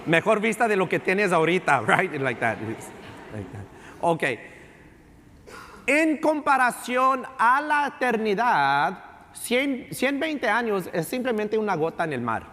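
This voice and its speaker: High-voiced pastor preaching in a reverberant church. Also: male voice, very animated, slow pace, sharp tone. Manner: bilingual preaching, switching into English phrases; ends phrases with a questioning "right?". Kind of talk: sermon. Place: church sanctuary.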